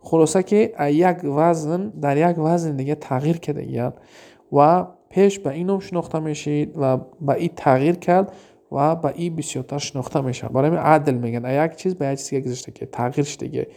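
A man with a Tajik accent teaching Arabic grammar, reading example sentences slowly and then quizzing his listeners with questions he answers himself. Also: on the high side, creaky, dark tone. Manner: asks rhetorical questions and answers them himself. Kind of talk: classroom lesson.

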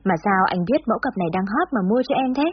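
A woman's voice: a little high, expressive, racing, highs cut off, slight background noise, lightly acted. A woman voicing a teenage girl who gushes and teases in a bubbly way. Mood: gushing. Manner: bubbly, gushing. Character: teenage girl, chatty and teasing.

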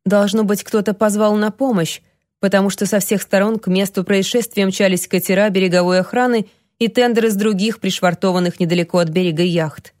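A woman reads a novel aloud in a calm, even storytelling voice of middle pitch. The recording is close and dry, with no room sound. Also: a little fast, dry recording. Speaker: audiobook narrator. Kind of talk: scripted narration.

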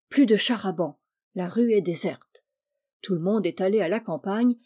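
Female audiobook narrator, mellow tone, expressive storytelling. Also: mid-range voice. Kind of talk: audiobook reading of a classic children's story.

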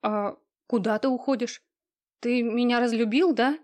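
A woman voicing a timid, hurt young woman in an audiobook, speaking softly and pleadingly. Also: on the high side, steady tone, unhurried, close to an everyday voice. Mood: anxious. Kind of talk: audiobook reading.

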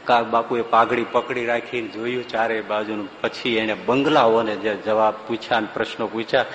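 A man's voice: fairly low pitch, fairly even intonation, a little fast, a bit bright, slight background noise. A man giving a devotional discourse, telling stories animatedly and breaking into sung verses. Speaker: spiritual discourse speaker. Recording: echoey hall with faint ambience.

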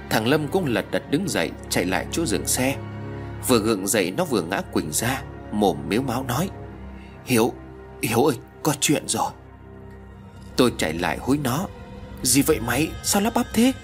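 A man narrating a first-person story as an audiobook reader. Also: lowish voice. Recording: faint background music.

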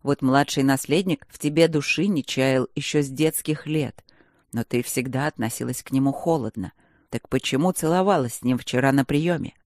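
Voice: mid-range voice, normal speed, darkish tone, no echo, clean studio sound, pitched below the performer's own voice, natural voice. A narrator voicing a stern, commanding male academy rector in a fantasy audiobook, speaking curtly. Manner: stern, curt. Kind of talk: audiobook character voice.

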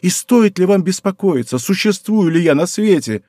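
A man's voice: high voice, expressive, normal speed, darkish tone, no room sound, clean studio sound, pitched above the performer's own voice. A man doing a desperate lovesick young count. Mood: impassioned. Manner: impassioned, breaks into pleading outbursts. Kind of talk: audiobook character voice.

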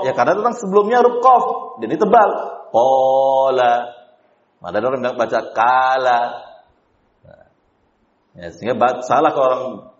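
Man teaching Quran recitation, echoey lo-fi. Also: mid-range voice. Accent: Indonesian. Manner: explains then chants examples slowly, asks the class questions. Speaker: tajwid teacher. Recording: roomy, dull lo-fi lecture recording.

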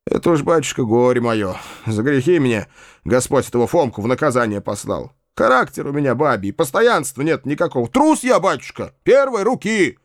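A man voicing an irascible older male provincial landowner who blusters and shouts, quick to temper. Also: medium pitch, very animated, no echo, studio quality. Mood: rueful, hearty. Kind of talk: audiobook character voice.

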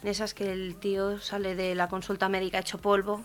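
A woman hosting a radio comedy show, telling jokes briskly and laughing at the punchlines. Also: medium pitch, little pitch movement.

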